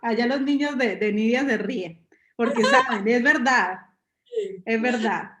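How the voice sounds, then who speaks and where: Woman preaching with a fairly high voice in a roomy hall. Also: measured pace, fairly bright tone. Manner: asks the listeners rhetorical questions, everyday examples. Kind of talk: conversational sermon. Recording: roomy echo.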